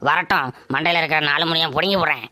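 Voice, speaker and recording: An actor playing a bossy, gruff village landlord who scolds his workers. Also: medium pitch, rapid-fire, pushed and bright, dry recording, close to an everyday voice. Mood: scolding. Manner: scolding, commanding. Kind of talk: village comedy skit.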